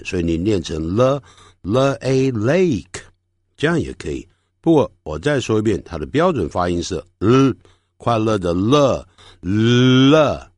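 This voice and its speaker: A man giving a pronunciation lesson, explaining sounds patiently and repeating practice words slowly for learners to copy. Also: lowish voice, a little mellow, no echo. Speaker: English teacher.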